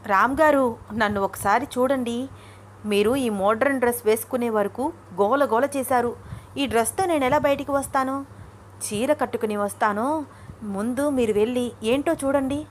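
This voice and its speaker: Excitable young bride in a story, high and bright, read by a woman. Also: normal speed, slight background noise, lightly acted. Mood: excited. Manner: bubbly, excitable. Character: lively young wife, excitable and shy.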